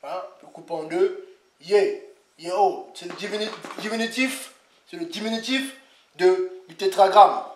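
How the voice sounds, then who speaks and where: A man giving an informal, rambling sermon, repeating himself with animated asides. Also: high-pitched, normal speed, reverberant. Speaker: preacher.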